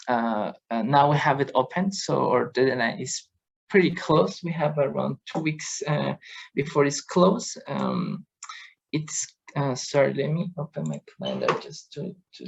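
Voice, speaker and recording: Brief: man presenting over a video call, gravelly, hesitant, lots of fillers. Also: medium pitch, poor audio. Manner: halting, many fillers and restarts. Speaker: presenter from a convention secretariat.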